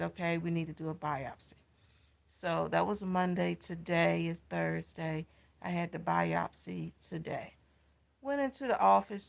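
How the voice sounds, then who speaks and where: Woman, gravelly low voice, emotional personal vlog story, heartfelt. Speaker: vlogger.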